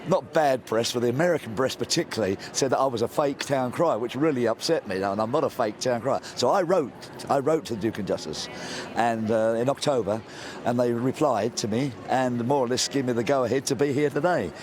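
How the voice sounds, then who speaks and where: An excited man with a voice going hoarse, speaking emphatically and stumbling over words in a live interview. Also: medium pitch, a little fast. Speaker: town crier, interviewee. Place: outdoors on a busy city street among a crowd.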